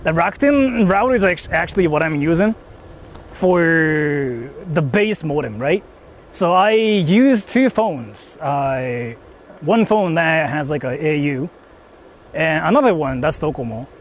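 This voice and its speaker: On the move outdoors in the countryside, an IRL streamer talks to his chat through a handheld phone, rambling and filler-heavy while describing his tech setup. His voice is on the high side, expressive and a little slow, with slight hiss or hum in the audio.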